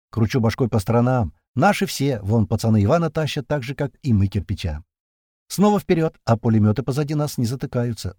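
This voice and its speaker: A man narrates a first-person battle story in rough, slangy prose. His reading moves a lot in pitch, and his voice is warm and a little husky. The recording is close and dry. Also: no room sound. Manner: slangy, swearing, fast-moving action telling. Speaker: audiobook narrator.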